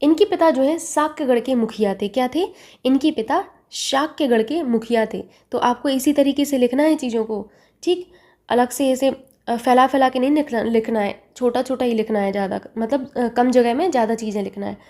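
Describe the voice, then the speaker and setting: A woman teaching an exam-prep lesson who keeps asking quick quiz questions and then repeating the answers. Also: on the high side, darkish tone.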